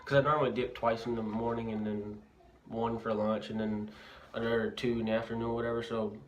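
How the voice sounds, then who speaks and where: This young man from Louisiana, United States, keeps a lip full of dip as he casually reviews a product indoors in a home bathroom. He talks briskly at a medium pitch with little pitch movement, and the recording is amateur, noisy and clicky.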